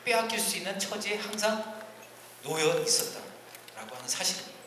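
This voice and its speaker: Speaking at a moderate pace, a fairly high-voiced pastor preaches a teaching sermon in a big church hall, earnest as he alternates emphatic rises with quiet asides. Heavy reverb, a long hall tail, steady background hiss, and distant ambient noise fill the recording.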